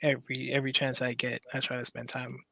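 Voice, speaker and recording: A man from Maryland calling in to tell a personal story, halting and full of restarts. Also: medium pitch, monotone, vocal fry, pushed and bright, dry recording. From Maryland, USA. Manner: hesitant, halting, many restarts. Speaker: caller.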